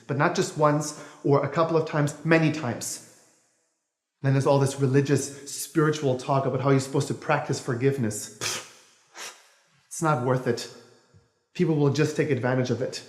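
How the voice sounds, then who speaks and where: A man's voice: mid-range voice, echoey room, long reverb tail, lightly acted. Bitter sarcastic ranting man, played by an actor. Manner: sarcastic, ranting, self-correcting, nervous laughs. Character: bitter, cynical adult man ranting about lost faith. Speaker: actor in a stage-style monologue. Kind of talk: dramatic monologue.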